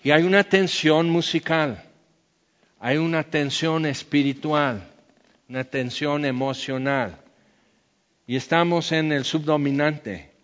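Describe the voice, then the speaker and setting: A man's voice: on the high side, long reverb tail, dull audio. A man preaching a sermon, breaking into sung hymn phrases to make his point and ending in prayer. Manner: slow, sings phrases of hymns to illustrate. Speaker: pastor.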